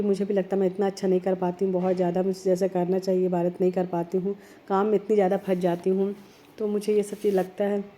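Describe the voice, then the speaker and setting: Woman vlogging with a cold, hoarse, voice real dark and flat, earnest rambling chat. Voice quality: heavy, low-sounding voice. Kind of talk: casual vlog talk.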